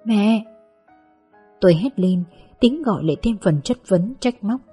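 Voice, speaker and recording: Breathy woman narrating gently. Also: mid-range voice, expressive, normal speed, faint music behind. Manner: gentle, wistful storytelling. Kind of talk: first-person audiobook narration.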